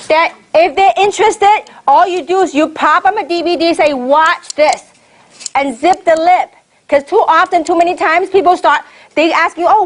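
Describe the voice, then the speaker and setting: Coaching a crowd with plenty of energy, a woman from Hong Kong delivers a motivational training talk in a meeting room. She leads in network marketing, has a high voice, and keeps asking the audience rhetorical questions.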